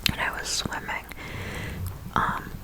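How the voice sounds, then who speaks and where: A woman speaking in a soft, breathy ASMR whisper, telling a rambling personal story and slowly repeating words and phrases. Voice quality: whispery, mostly unvoiced, with creaky edges. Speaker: ASMR video host.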